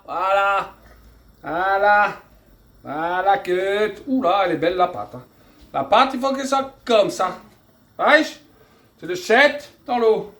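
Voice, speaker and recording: This cooking video host is a woman speaking with an Alsatian accent, talking straight to the viewer and cracking jokes as she demonstrates. Her voice is medium in pitch and fairly bright.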